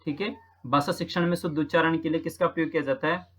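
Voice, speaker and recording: A man's voice: on the high side, fairly even intonation, fast talker, fairly bright tone. A man from Rajasthan who teaches, patiently talking through practice exam questions and repeating each answer with frequent check-ins. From Rajasthan, India.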